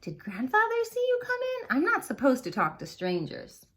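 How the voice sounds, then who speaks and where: A woman voicing an upset little boy who is quick to anger, in a high, pleading voice. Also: very animated. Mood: startled. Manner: high, pleading, shouting when angry.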